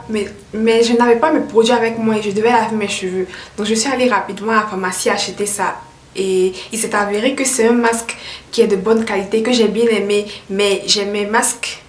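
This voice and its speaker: A woman chatting casually as a hair care vlogger, upbeat and repeating herself, her voice carrying a heavy echo. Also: fairly high pitch. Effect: heavy echo around the voice. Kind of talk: casual product review. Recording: echoey room, voice far from mic.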